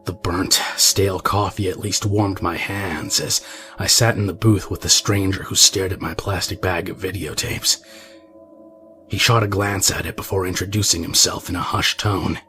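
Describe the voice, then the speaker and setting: A man reading a horror story aloud in a measured, ominous manner. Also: low voice, steady tone, pushed and bright, soft background music. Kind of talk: scripted horror narration.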